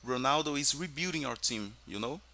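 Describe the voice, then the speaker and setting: A man's voice: medium pitch, expressive, a little fast, a crowd in the background. A Portuguese-speaking man from Brazil practicing English conversation, often repeating words while he searches for them. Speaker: English student.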